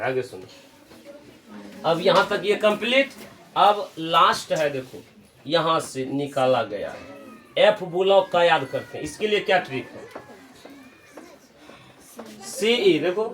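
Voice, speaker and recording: A man teaching a class in a high, light voice. He talks at an unhurried pace, telling little stories and then chanting memory lines slowly so the students can repeat them. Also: a bit bright. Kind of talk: Hindi chemistry lesson with memory tricks.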